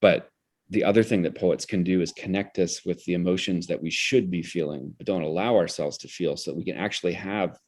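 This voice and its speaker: Speaking fairly quickly in a low-pitched, darkish voice, a theater director answers as an interview guest. His explanations are reflective, articulate and intellectual, and he often restarts mid-phrase.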